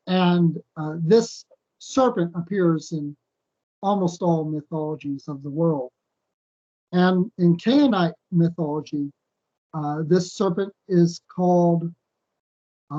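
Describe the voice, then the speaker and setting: A man teaching a weekly scripture portion, breaking off often with "um" and "uh" as he thinks aloud, and slowing into a fuller cadence when he reads a passage. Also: a little high, mellow. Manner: halting, thinks aloud with many fillers. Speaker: Bible teacher. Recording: dull lo-fi recording.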